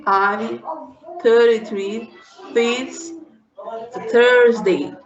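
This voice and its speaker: A woman's voice: a little high, steady tone, drawn-out words, reverberant, muffled recording, a little hiss or hum. A woman with a Brazilian Portuguese accent, a native Portuguese speaker, carefully repeating English phrases as a student and restarting words. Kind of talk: repeating drills in a private lesson.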